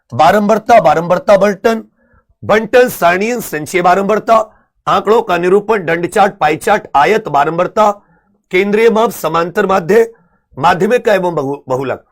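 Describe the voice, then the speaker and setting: Man, high voice, earnest persuasive exam-prep teacher. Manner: earnest, persuasive, addresses students as friends. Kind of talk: animated exam-prep video lesson.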